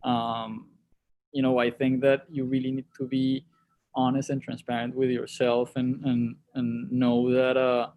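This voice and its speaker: A man's voice: medium pitch, monotone, measured pace, phone-quality sound. Reflective man. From Colombia. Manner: thoughtful, with frequent restarts and repeated words. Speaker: sports league executive guest. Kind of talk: reflective interview answers.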